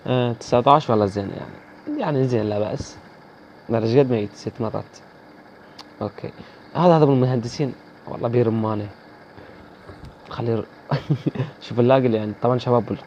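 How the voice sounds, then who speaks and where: Man, Iraqi accent, rapid gameplay commentary, mellow dark tone, dull lo-fi sound. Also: mid-range voice, slight background noise. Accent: Iraqi Arabic. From Iraq. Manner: chatty, teasing, addresses viewers. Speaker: gaming video host.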